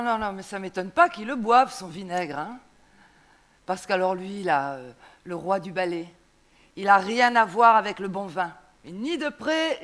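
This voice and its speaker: A woman speaking from a theatre stage in a live comedy, prim and quick to correct. She slips into a gossipy, storytelling manner during long monologues. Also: medium pitch. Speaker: comic actress.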